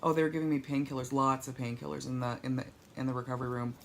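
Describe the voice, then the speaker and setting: A woman's voice: extremely low pitch, level tone, rapid-fire, slight background noise. A woman, weak and sore after surgery, talking in a rambling, candid, wry way in a casual video diary recorded on a handheld tablet at home. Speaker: patient vlogger recovering from surgery. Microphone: tablet held overhead while lying down.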